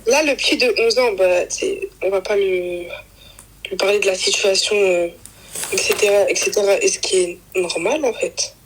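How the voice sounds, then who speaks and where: A woman's voice: mid-range voice, moderate pace, a little hiss or hum, rough recording. A young woman casually telling a personal story, rambling with fillers and acting out quoted lines. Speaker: guest telling her story.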